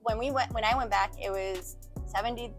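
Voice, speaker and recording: A woman's voice: on the high side, faint music behind. A woman raised in the United States, chatting casually and animatedly as a guest answering viewer questions. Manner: animated, quick storytelling with emphatic swings. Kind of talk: casual chat.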